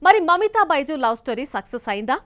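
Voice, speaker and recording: A woman anchor introduces each story by posing questions in a headline delivery. Her voice is high. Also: sing-song, fairly quick, a bit bright. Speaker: news anchor.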